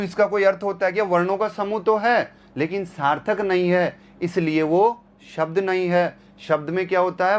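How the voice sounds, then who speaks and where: A man teaching Hindi grammar in an exam-prep lecture, repeating key terms and asking rhetorical questions. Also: high-pitched. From India.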